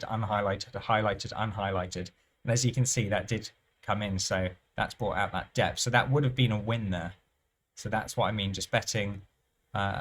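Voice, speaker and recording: Man musing over live roulette. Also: fairly low pitch. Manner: musing, unhurried, trails off and restarts phrases. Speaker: roulette strategy presenter. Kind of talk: thinking-aloud commentary over live play.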